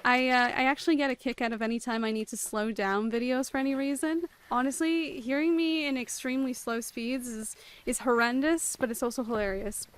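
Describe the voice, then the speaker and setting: A woman game streamer talks at breakneck speed through live commentary. Her voice sits high and sounds smooth and clear. She greets viewers by name between moves. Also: steady tone. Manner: talks extremely fast.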